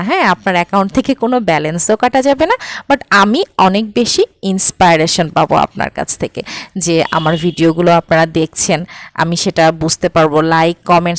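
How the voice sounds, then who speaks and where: A woman's voice: lowish voice, no echo. A young woman from Bangladesh chatting as a travel vlogger, full of fillers and coaxing her viewers. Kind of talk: casual travel vlog narration.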